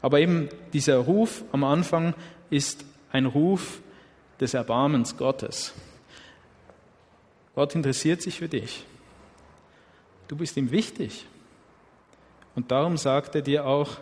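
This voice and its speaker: A man's voice: mid-range voice, takes it slowly, pauses often, darkish tone. A man preaching a sermon in a conversational way, often checking in with the listeners. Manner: conversational, often asks "oder?". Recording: long hall reverb.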